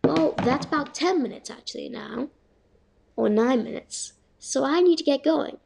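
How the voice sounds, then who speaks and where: A woman's voice: high-pitched, animated, normal speed, creaky, a little mellow, a little hiss or hum. A young woman casually reading a children's chapter book aloud, chatty and stumbling over words. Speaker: reader.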